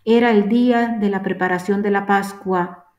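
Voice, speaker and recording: A woman giving a solemn liturgical scripture reading in a steady, measured voice. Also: mid-range voice, lo-fi sound. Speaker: scripture reader. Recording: roomy echo.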